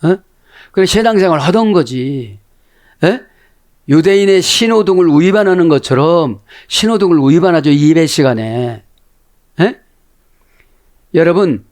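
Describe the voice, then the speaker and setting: A male pastor delivering a sermon, often checking in with his listeners with short questions and acting out voices. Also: fairly high pitch. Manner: animated, constantly prompting the congregation with "에?"; acts out quoted voices within the sermon.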